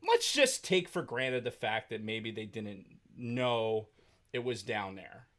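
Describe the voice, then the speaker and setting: Guy on a podcast totally fed up, cursing nonstop, pitch all over the place. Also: sing-song, takes it slowly, a bit bright. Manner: heated, profane ranting. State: angry. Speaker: podcast co-host. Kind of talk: casual podcast chat.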